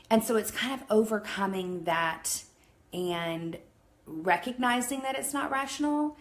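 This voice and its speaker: A woman in her thirties speaking earnestly and openly to camera in a casual video diary, with many fillers. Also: mid-range voice. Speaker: vlogger.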